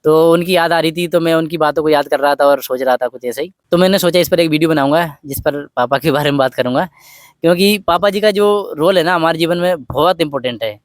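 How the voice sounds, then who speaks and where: A man talking softly and from the heart in a personal vlog, telling a story at an unhurried pace. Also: a little high, dry recording, studio quality. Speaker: vlogger. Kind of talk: personal reflective talk.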